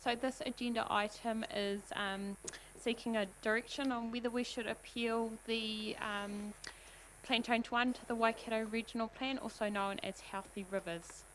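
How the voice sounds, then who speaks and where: A woman with a New Zealand accent, a council staff officer, briefs the councillors in a polite and measured way. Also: on the high side, fairly even intonation, a bit bright, a little hiss or hum, low-quality recording. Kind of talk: formal meeting briefing.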